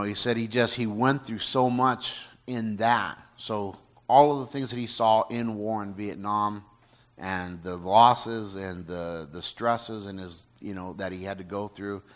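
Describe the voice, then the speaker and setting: Guy telling a story, earnest, kinda halting, lower voice, lots of "you know". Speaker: storyteller retelling a testimony. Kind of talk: casual spoken retelling.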